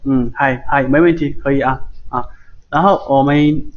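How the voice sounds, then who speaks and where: A man's voice: mid-range voice, fairly even intonation, moderate pace, muffled recording. A man teaching Japanese pronunciation in an online class, patiently repeating syllables many times over a computer mic.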